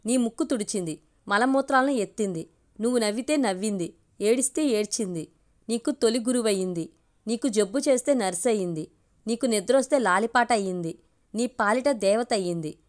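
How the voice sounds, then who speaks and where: A woman's voice: on the high side, fairly quick, lightly acted. A woman voicing a firm, dignified middle-aged wife and mother in a storybook reading, arguing in a reproachful way.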